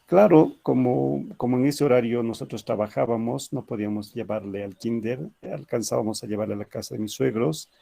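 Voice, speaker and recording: A man's voice: mid-range voice, a little fast, vocal fry, hardly any pauses, dark tone. A man teaching an ethics class, telling anecdotes in a chatty way with frequent tag questions.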